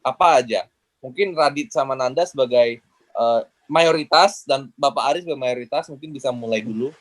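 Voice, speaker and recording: A man's voice: mid-range voice, a little fast, no echo. A man hosting a podcast who asks long, rambling questions full of fillers. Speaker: podcast host. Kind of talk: moderating a discussion.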